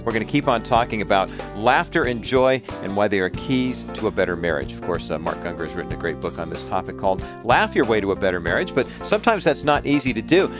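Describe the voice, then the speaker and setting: A man co-hosting a radio show, reading the closing announcements in a smooth, upbeat broadcast manner. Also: lowish voice, animated, fast, few pauses. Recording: radio studio with guitar music bed.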